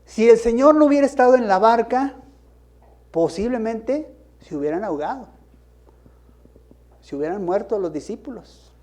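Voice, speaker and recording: A man's voice: extremely high pitch, expressive, moderate pace, pauses often, darkish tone. A male pastor gives a sermon. He asks rhetorical questions and rises into emphatic bursts.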